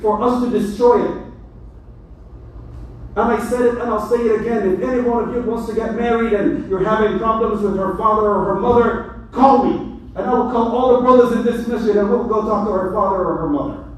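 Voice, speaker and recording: Imam guy giving a sermon, high voice, kinda far off the mic, lots of hall echo, jokey and lively. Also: fairly quick. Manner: animated, joking preacher. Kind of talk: mosque sermon. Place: mosque hall.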